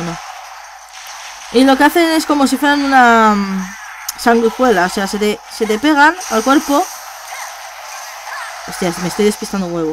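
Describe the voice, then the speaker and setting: A woman gamer with a Spain Spanish accent, giving let's play commentary; she gets excited, swears and repeats words. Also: fairly high pitch, noisy background.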